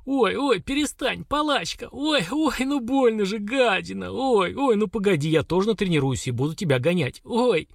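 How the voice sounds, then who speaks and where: A man voicing a sulky, hungover young woman warrior who whines and wails in a high voice. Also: animated, brisk, no room sound, clean studio sound. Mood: squealing. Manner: high, complaining, wailing.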